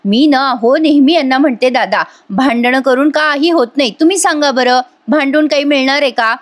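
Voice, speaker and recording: A woman voicing a sweet-talking young wife who calmly persuades and pleads in a sisterly way. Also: high voice, normal speed, close to an everyday voice. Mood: coaxing.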